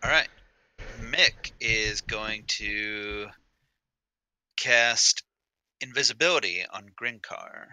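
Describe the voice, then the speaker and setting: Male game player, low clear voice, casual talk, very sharp tone. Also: takes it slowly, long pauses, dry recording, low-quality recording.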